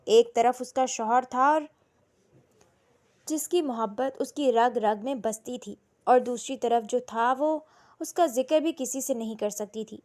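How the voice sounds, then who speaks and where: A woman reading a romance novel aloud in slow, emotional storytelling narration. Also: on the high side, darkish tone.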